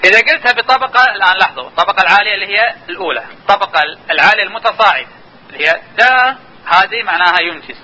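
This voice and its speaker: Fast, bright-voiced male lecturer. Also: high-pitched, low-quality recording. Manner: explanatory, repeatedly urging listeners to watch and notice. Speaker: linguistics lecturer. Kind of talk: classroom lecture.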